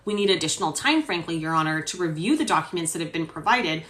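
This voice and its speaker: A woman voicing a male attorney making a formal, measured courtroom argument, as a dramatic reading of a court transcript. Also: lowish voice, expressive, a bit bright. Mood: earnest. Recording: roomy echo.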